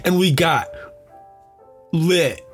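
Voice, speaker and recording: A man's voice: fairly high pitch, extremely slow, a bit bright, soft background music. A man doing a drawling frat bro. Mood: chill. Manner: lazy drawl, stumbling intro. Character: laid-back young male frat guy vlogging.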